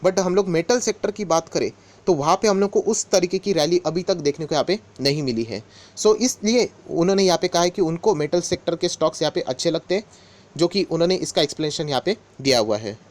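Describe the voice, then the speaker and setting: A man's voice: fairly high pitch, expressive, a little fast. Chatty man explaining markets to viewers. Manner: conversational, mixes English words into Hindi, repeats filler phrases; addresses viewers directly as friends. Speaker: stock market YouTuber. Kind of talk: casual explainer talk to viewers.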